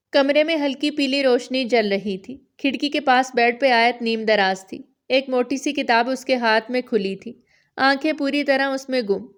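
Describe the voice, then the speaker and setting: A woman reading a novel aloud in steady, even scripted narration. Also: on the high side.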